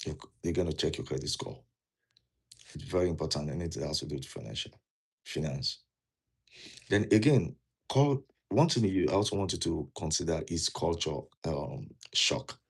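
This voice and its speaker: A Nigerian man with a low, slightly rough voice vlogs immigration advice from indoors, wearing a jacket. Speaking casually in Nigerian English, he earnestly repeats his key points and puts questions to the viewer.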